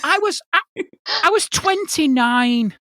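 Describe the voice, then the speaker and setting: A woman's voice: high-pitched, lively intonation, slow, fairly bright tone, no room sound, clean studio sound. A woman podcast host telling a comic story in casual chat, acting out other people's lines and swearing freely.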